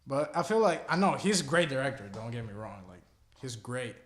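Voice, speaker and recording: Man, podcast co-host, casual film chat, many fillers, average pitch, echoey room. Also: fairly quick. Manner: relaxed, loose with many fillers.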